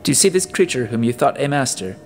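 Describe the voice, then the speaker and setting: A man's voice: medium pitch, lively intonation, quick pace, faint music behind, pitched above the performer's own voice, lightly acted. A man playing a suspicious male detective who questions and gives orders bluntly. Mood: commanding suspicious. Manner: blunt, commanding, probing.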